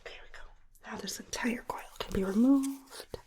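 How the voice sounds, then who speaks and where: Asmr lady doing a whispered role-play, soft breathy whisper right up at the mic, slow soothing little murmurs. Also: a little high. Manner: soothing, unhurried, murmured asides. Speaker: ASMR performer. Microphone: close ear-to-ear stereo microphone.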